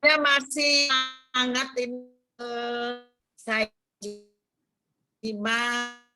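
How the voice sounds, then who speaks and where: A woman's voice: on the high side, fairly even intonation, very slow, music in the background. A woman in an online meeting whose audio keeps breaking up over a bad connection, talking hesitantly with many fillers. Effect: choppy audio breaking up over a bad connection. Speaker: meeting participant. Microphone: video call. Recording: noisy video call line that keeps cutting out.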